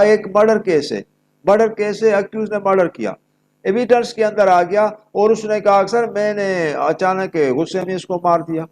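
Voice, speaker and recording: A man with a Pakistani accent and a slightly mellow voice on the high side, touched with vocal fry, gives an explanatory law lecture. He repeats key phrases emphatically, mixes in English legal terms, and interweaves readings of legal text.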